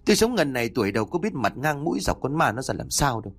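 A man's voice: medium pitch, big pitch swings, fast, voice pushed up. A man voicing a domineering old husband who scolds his wife in a brusque manner. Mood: scolding.

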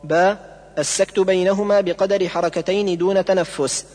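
A man reading a lesson on Quran recitation rules aloud, going through each rule point by point in a measured way. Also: high-pitched, fairly even intonation, darkish tone, big-room sound, soft background music.

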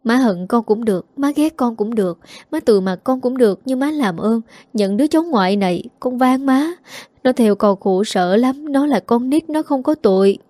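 A woman's voice: on the high side, expressive, moderate pace, dark tone, no echo, studio quality. A woman voicing a remorseful young runaway daughter who tearfully begs her mother's forgiveness in a storybook reading. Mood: pleading. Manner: pleading, tearful sobbing delivery.

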